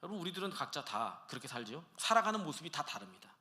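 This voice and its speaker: A middle-aged man preaching a sermon as pastor, acting out everyday dialogue with animated delivery in a church. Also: fairly high pitch, racing. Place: church sanctuary.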